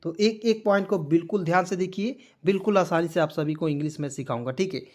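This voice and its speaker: A man's voice: high-pitched, darkish tone. A man teaching an online spoken-English lesson, spelling words letter by letter and quizzing his viewers again and again. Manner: drills viewers with repeated quiz questions and "clear?" checks; spells words letter by letter and says them slowly.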